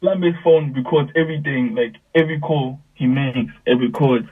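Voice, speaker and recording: Over a distant, thin-sounding video call, a young South African musician chats as an interview guest at normal speed. His medium voice has a breathy edge. He retells stories casually in slang, playing out bits of dialogue with animation.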